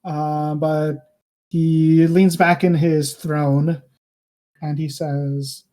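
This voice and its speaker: A woman's voice: low voice, flat delivery, very slow, warm tone. A woman narrating a tabletop game as game master, hesitant, with many fillers and restarts.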